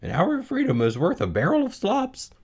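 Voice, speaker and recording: A man voicing a bossy, excitable female goose in a storybook, honking out instructions and repeating phrases insistently. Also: sits high, a little fast, slightly rough, voice pushed up, full character voice. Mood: pleading. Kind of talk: animated storybook character voice.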